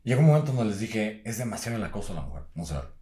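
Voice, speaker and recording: Animated Mexican man with roomy echo. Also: fairly low pitch, rapid-fire. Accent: Mexican Spanish. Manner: storytelling with crude slang, acts out drunk clients. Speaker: guest, owner of designated-driver service. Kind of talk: casual podcast chat.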